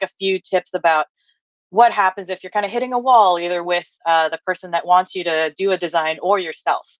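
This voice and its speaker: This is a fairly low-pitched woman's voice with no room sound. A thirty-something trainer from Hawaii, she delivers a lively online workshop from her home office, reading out chat replies and using lots of fillers. The audio is dry and dull lo-fi, recorded through a webcam or laptop mic on a video call.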